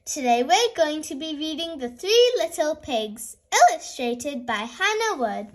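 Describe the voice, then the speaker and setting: A woman narrates a children's storybook as if opening a fairy tale. Her voice is very high, and she speaks slowly with big, lively swings in pitch. Her delivery is animated and sing-song, aimed at small listeners. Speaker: host reading stories aloud for small children.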